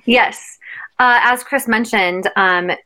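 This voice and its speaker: A woman's voice: on the high side, slow pace, sharp tone. An American woman chatting casually as a podcast co-host, recorded at home in a bedroom.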